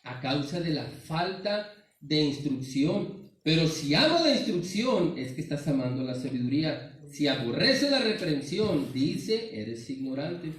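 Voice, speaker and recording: A man's voice: on the high side, very animated, unhurried, far from the mic. A man with a northern Mexican accent preaching a sermon in a church, earnest and constantly calling his listeners "hermano.". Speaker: pastor. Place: large church sanctuary. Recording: very echoey hall, voice from afar.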